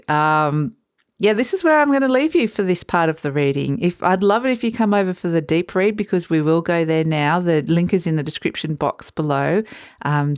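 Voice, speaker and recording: A woman giving a tarot reading in a dreamy, searching way, pausing on fillers as she hunts for words. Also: sits low, no echo, studio quality. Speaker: tarot reader.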